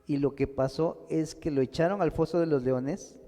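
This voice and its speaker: A man's voice: a little high, moderate pace, dark tone, in a large hall. A man preaching a sermon in a church, speaking to the congregation as brothers with rising and falling emphasis. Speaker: pastor.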